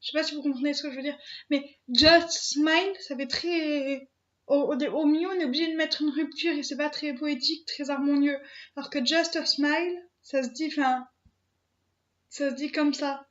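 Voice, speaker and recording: A woman's voice: high-pitched, steady tone, moderate pace, muffled recording. A young woman hosting her own channel, talking casually to camera, hesitant, with many fillers and restarts. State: emotional, near tears. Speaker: channel host. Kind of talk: casual vlog talk to camera.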